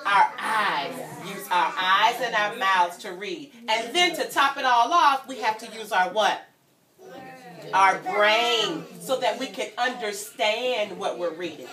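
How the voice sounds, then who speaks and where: Reading slowly and animatedly in a mid-range voice, a woman leads a group of young children through a story, asking questions and prompting repetition like a teacher. She is the guest reader and teacher at story time in an indoor room; the distant, roomy recording picks up the crowd of children around her.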